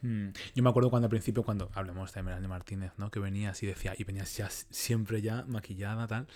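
A man hosts a relaxed podcast chat in a rather low voice. He speaks softly and reflectively and often lets his sentences trail off. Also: fast.

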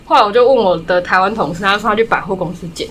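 A young woman from Taiwan chatting casually, telling stories in quick run-on clauses. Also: mid-range voice, fairly bright tone, a little hiss or hum. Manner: rapid storytelling, strings clauses with "然后". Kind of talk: casual chat.

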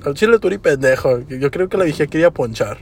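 A young man with a Mexican Spanish accent hosts a casual podcast and tells work stories. His talk is slangy, crude and relaxed. His voice sits a little high for a man. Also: fast talker, husky. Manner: slangy, crude, laid-back. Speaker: podcast host. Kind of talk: casual storytelling.

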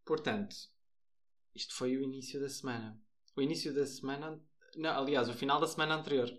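A man's voice: medium pitch, fairly even intonation, quick pace, a bit bright. A man with a European Portuguese accent co-hosting a podcast in casual chat, teasing and playful. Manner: teasing, playful, mock-exaggerated. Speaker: podcast co-host.

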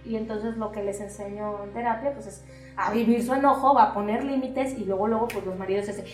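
A Mexican woman therapist explaining things in lively conversation, acting out quoted voices with many fillers. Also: medium pitch, brisk, soft background music. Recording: roomy, distant mic.

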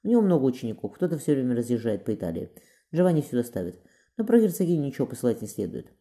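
A man voicing a shrewd, calm spymaster giving careful instructions. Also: medium pitch. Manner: measured, instructive. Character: calm, shrewd male spy master, advising.

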